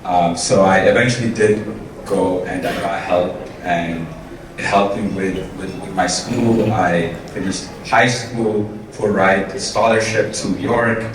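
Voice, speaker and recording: A man's voice: deep voice, fairly even intonation, takes it slowly. A young man from Ethiopia giving a casual personal talk at an event, full of ums and restarts. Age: young adult. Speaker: invited speaker. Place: large event hall. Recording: roomy hall sound from far off, noisy.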